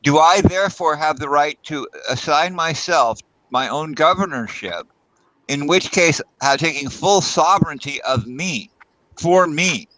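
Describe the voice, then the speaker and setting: Bright, emphatic man in a dry room. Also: fairly high pitch, measured pace, dry recording, rough recording. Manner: emphatic, questioning. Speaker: podcast co-host. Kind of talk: casual discussion.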